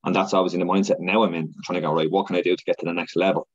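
An Irish man, a podcast guest, talking fast and animated in a casual interview chat. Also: sits low, dull audio. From Ireland.

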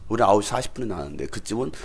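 A middle-aged male pastor preaching a sermon in a church, telling a story with lively shouts, laughter and acted-out voices. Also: lowish voice, racing, vocal fry, husky. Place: church sanctuary.

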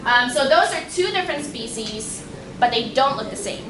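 A woman's voice: sits high, expressive, normal speed. A young woman researcher giving a casual public science talk, with lots of fillers and restarts. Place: library meeting room. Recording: echoey room with background noise.

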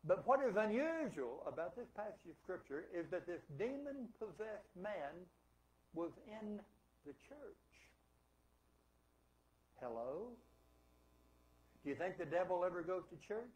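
A man's voice: sits high, sing-song, unhurried, pauses often, darkish tone, rough recording. A man preaching a sermon as pastor in a church, emphatic and asking rhetorical questions. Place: church sanctuary.

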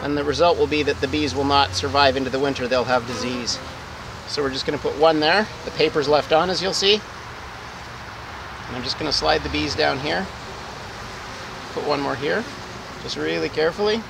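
A man's voice: on the high side, normal speed, creaky, long pauses, background noise. Upbeat man demonstrating beekeeping outdoors. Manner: friendly, explains step by step while working. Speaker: beekeeping vlogger. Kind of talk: casual how-to vlog. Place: outdoors in a garden beside beehives.

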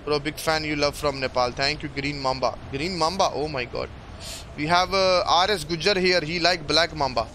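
A man's voice: a little high, normal speed, sharp tone. A young man with a Pakistani accent chatting casually on a live gaming stream, often repeating words and greetings. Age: young adult. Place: indoor room at a gaming setup. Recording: clear gunfire and game noise behind.

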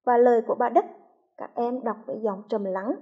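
A woman from Hue with a Vietnamese accent, a primary school teacher reading a lesson slowly and clearly to young children. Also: fairly high pitch, fairly even intonation, narrow, tinny audio. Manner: slow, clearly articulated, patient.

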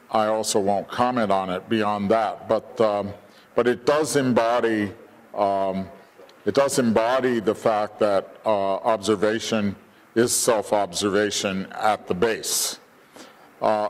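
An older man giving an academic keynote lecture at a hotel conference podium, thoughtful and hesitant, with frequent ums. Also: mid-range voice. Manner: thoughtful, many ums and uhs. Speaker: keynote speaker. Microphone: podium mic.

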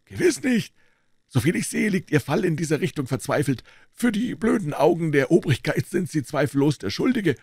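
A man voicing an old male doctor who speaks in a calm, persuasive, clinical way. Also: fairly high pitch, moderate pace, breathy edge, no room sound, studio quality, pitched above the performer's own voice, full character voice.

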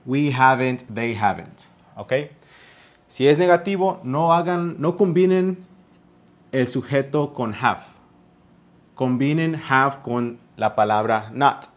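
A man with a Mexican Spanish accent teaching an online class, his voice sitting at an ordinary middle pitch. He talks slowly and patiently and stretches out each example so that learners can follow. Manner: slow, patient explaining with drawn-out examples. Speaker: English teacher. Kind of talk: live online class explanation.

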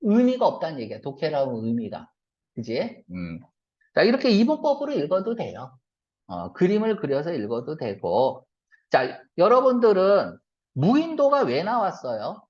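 Male reading teacher, animated lecture delivery, fires off rhetorical questions, dull lo-fi recording. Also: fairly high pitch. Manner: asks the class quick questions and answers them himself; mixes casual and polite speech. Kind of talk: classroom lecture.

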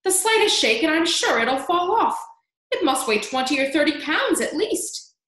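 A woman voicing a mean, bossy, excitable aunt in a storybook reading, exclaiming and scolding. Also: a little high, unhurried. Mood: snappish. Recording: echoey room.

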